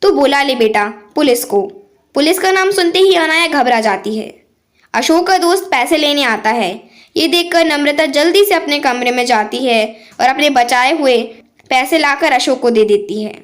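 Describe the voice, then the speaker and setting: A woman narrating a family moral story in a steady, plain way. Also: high voice, normal speed.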